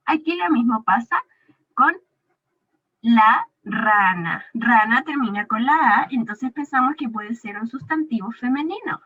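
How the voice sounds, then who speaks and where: A woman with a bright, slightly high voice walks a child through a grammar lesson. She is patient and stretches each example word slowly. The sound is dull and lo-fi. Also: husky. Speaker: teacher. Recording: dull lo-fi recording.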